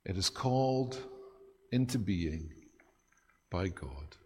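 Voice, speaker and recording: Male pastor, low voice, lively, self-deprecating sermon, long church reverb. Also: takes it slowly, slight background noise.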